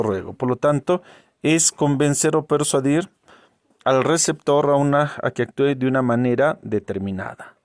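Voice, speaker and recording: A man's voice: mid-range voice, darkish tone, dry recording, clean studio sound. A man teaching a recorded language lesson, asking rhetorical questions, answering them himself and often checking in with the listener. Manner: checks in with the listener, repeats key terms.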